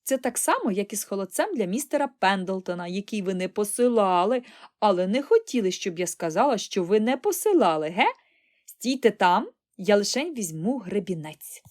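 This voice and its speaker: A woman voicing an excitable, cheerful little girl who gushes and exclaims in breathless enthusiasm, in an audiobook. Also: medium pitch, moderate pace, lightly acted. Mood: excited.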